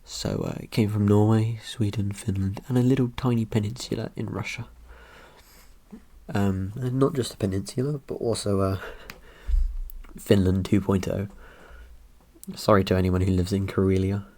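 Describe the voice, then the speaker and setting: A young man talks casually through his results. His voice sits fairly low with a soft, mellow tone. He rambles, cracks dry jokes and leans on plenty of ums and uhs. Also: fairly even intonation, moderate pace. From Britain. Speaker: vlogger. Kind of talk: casual commentary over results.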